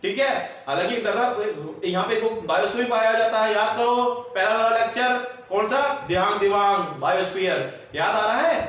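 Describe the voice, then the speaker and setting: A man with a very high voice gives an exam-prep lecture. He keeps asking his students questions and answering them himself. He sounds far from the mic, in a strongly echoing room. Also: moderate pace, a bit bright. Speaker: teacher.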